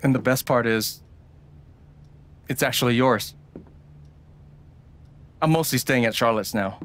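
A young man in a video game, played by an actor, forever cracking jokes and ribbing his sibling. His voice sits at an ordinary pitch, easygoing and casual. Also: measured pace, a little hiss or hum, close to an everyday voice. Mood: playful. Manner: joking and teasing, warm banter. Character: teasing, goofy young adult brother. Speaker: older brother.

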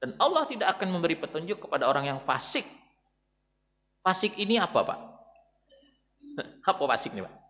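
A man delivers an emotive dawn sermon, his voice high and bright with wide, lively swings of pitch. He drops from loud exhortation to near-whispered tenderness as he speaks straight to the congregation. The sound rings with the long echo of a large mosque hall. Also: brisk, pauses often. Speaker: preacher.

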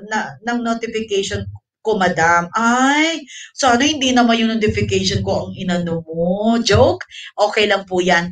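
A woman hosts a casual livestream, breathless and talkative, expressing thanks to viewers while mixing English with Tagalog. Her voice is a little high and a bit bright, captured by a distant mic.

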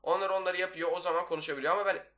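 A young man hosts a gaming video in a casual, talkative way. His voice sits a little high for a man and has a bright, forceful edge. He keeps up a running commentary as he plays. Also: steady tone, racing. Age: young adult. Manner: chatty, talks nonstop. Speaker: YouTuber, gaming video host. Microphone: desktop microphone.

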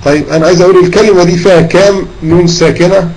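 Egyptian Arabic male teacher for an online Quran class, patient and demonstrative, warm low-key timbre. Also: steady tone, slight background noise, low-quality recording. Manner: patient, drawn-out demonstration of recitation. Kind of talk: online tajweed lesson.

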